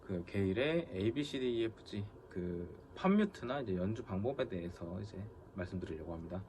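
A man's voice: fairly low pitch, lively intonation, normal speed, a little hiss or hum. A man teaching a guitar lesson, explaining strumming and palm-mute technique and counting beats aloud. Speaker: guitar instructor. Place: music studio. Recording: loud guitar over the voice.

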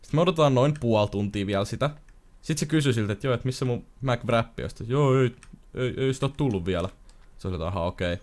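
A man playing a video game with a friend, chatting casually and telling a long story, with sudden loud outbursts, keyboard typing audible. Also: medium pitch. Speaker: gamer co-host. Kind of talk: casual let's-play chat.

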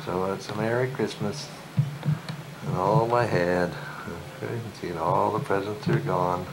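A man's voice: fairly low pitch, unhurried. Man on a hissy old VHS home video. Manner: relaxed, chatty, mumbling asides. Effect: old VHS camcorder home video recording. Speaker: home video camera operator. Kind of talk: casual home video narration. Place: family home indoors. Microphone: camcorder built-in mic.

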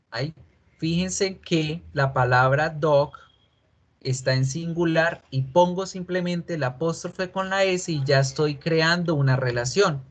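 Slow, patient male teacher. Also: a little high. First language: Spanish. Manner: patient, repeats and asks students questions. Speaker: English teacher. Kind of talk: online class explanation.

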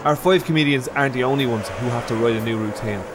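A man narrates a comedy documentary in an upbeat, plainspoken voice at an ordinary pitch. Music plays clearly under his words. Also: quick pace. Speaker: presenter. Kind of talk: scripted narration.

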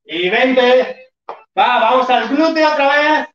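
High-voiced workout coach counting reps, slow and far off the mic in an echoey room. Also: expressive, highs cut off. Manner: counts reps and urges the class on, sometimes shouting. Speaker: fitness instructor. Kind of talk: live online workout class.

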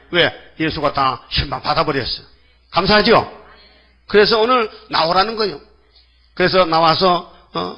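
A man's voice: on the high side, bright, forceful tone. A man preaching a sermon in a casual, talkative way, acting out Bible scenes in quoted voices and firing rhetorical questions at the congregation. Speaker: pastor.

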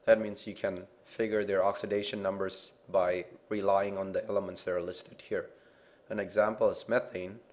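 Man, lowish voice, chemistry teacher, patient slide-by-slide explanation, checks in with "okay?". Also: flat delivery, moderate pace, darkish tone.

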